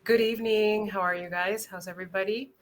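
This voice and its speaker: A woman's voice: medium pitch, steady tone, brisk. Cheerful woman from Costa Rica. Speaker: marketing lead. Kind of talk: online panel introduction. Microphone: video call.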